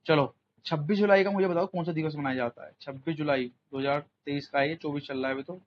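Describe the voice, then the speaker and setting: A man's voice: on the high side, fast talker. A young man teaching English vocabulary for an exam, chatting in Hindi mixed with English words and quizzing his students. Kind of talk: exam coaching lesson. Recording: muffled lo-fi audio, faint room noise.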